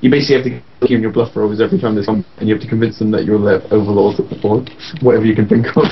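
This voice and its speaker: A man's voice: lowish voice, fairly even intonation, racing, husky. A man playing a tabletop role-playing game and chatting casually with the other players. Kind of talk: casual chat. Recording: dull lo-fi voice-chat audio.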